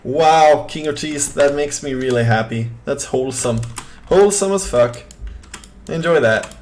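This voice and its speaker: A young Swedish man with a Swedish accent chats casually during a game live stream, his mid-range voice carrying a darkish tone at a moderate pace. He rambles, reads chat aloud, and uses plenty of fillers, with slight background noise audible.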